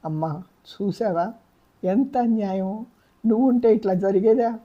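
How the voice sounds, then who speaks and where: A woman's voice: on the low side, moderate pace, dark tone, muffled recording, lightly acted. A woman voicing a tearful, pleading young woman. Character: grieving distraught young woman.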